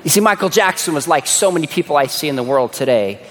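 A man preaching a sermon as a dramatic storyteller, who drops to a hush on key words. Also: a little high, animated, quick pace. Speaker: pastor. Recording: echoey hall.

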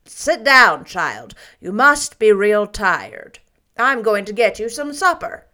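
A woman reading aloud and voicing a stern, reserved woman of sixty with a brisk, clipped, emphatic manner. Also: mid-range voice, big pitch swings, pushed and bright, exaggerated voice.

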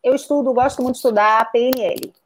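A middle-aged woman from Bahia, Brazil, a pilates instructor and physiotherapist, chats as a guest in a Bahian Portuguese accent, telling stories packed with asides. She's talkative, with a fairly high, steady voice at a quick pace. A crowd can be heard in the background.

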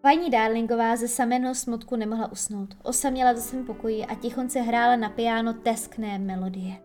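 A woman reads a children's audiobook in a gentle, storytelling way. Her voice sits fairly high, and soft music plays faintly underneath. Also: steady tone. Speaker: narrator.

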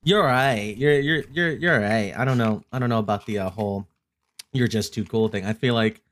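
A young man hosts a casual podcast chat, teasing his friend, sounding exasperated and laughing a lot. His voice is lowish and fairly bright, and he talks briskly.

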